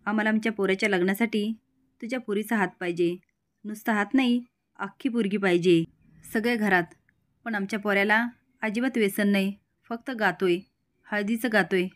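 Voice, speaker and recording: A woman's voice: medium pitch, fairly even intonation, fairly quick, lightly acted. A woman voicing a brash, scheming village father who talks in a blunt, swaggering rustic way, in a spoken serial recap.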